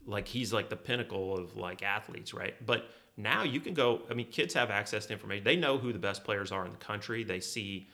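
Middle-aged guy from kansas, low gravelly voice with a bright edge, laughing at himself while he tells work stories. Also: a little fast, few pauses. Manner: self-deprecating, laughs at his own stories. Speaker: guest, chief legal officer. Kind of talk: casual conversational storytelling.

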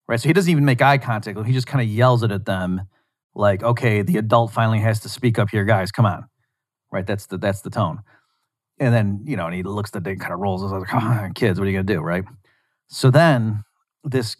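A man's voice: medium pitch, no room sound, studio quality. Man rambling through a story. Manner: rambling, animated, frequent restarts. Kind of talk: casual storytelling monologue.

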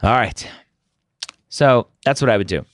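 Answering listener questions on his podcast, a middle-aged man from the US offers blunt, opinionated advice, often tacking on a rhetorical "right?". His medium-pitched voice comes across a little slow. The recording is dry and studio quality.

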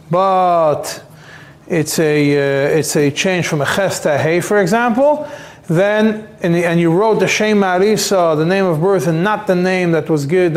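A somewhat high-voiced man leads a religious text class. He speaks haltingly, circling back and repeating words and fillers as he works through each point. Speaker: rabbi teaching a Talmud class. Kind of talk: explaining halachic texts to a class.

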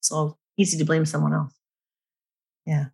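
A woman's voice: sits low, monotone, moderate pace, creaky, darkish tone, slightly rough. Candid, emphatic woman telling her story. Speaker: numerologist guest. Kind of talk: personal storytelling in a podcast interview.

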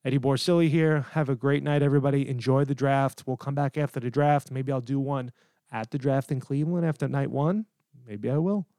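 A man's voice: mid-range voice, fairly quick, warm tone, no room sound, clean studio sound. A man hosting a casual sports podcast, talking emphatically and repeating points for stress. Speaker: podcast host. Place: home, at a table.

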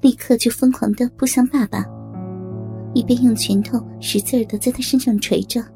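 A woman's voice: a little high, fairly even intonation, normal speed, dark tone, soft background music. A woman reading a dramatic family story aloud as a storyteller. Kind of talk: scripted story narration.

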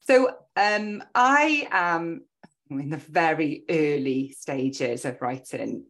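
A woman's voice: low voice, animated, takes it slowly. A woman in her thirties or forties with a South Wales accent, hosting a podcast. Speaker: podcast host, business coach.

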